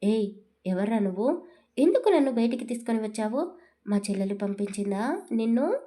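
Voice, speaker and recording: A woman's voice: fairly high pitch, expressive, moderate pace, natural voice. A woman reading as a sneering villain man. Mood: angry shouting. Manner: taunting, shouting, mocking laughter in words. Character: sneering cruel middle-aged man, scheming villain. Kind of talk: audio story reading.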